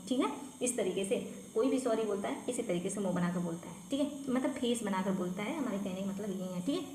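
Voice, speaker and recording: A woman with a somewhat high voice teaches English vocabulary, asking her viewers questions and then answering them herself. She speaks to them fondly. The recording has an echoey room sound with a faint background hum. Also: darkish tone. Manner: addresses viewers affectionately. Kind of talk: Hindi-medium vocabulary lesson.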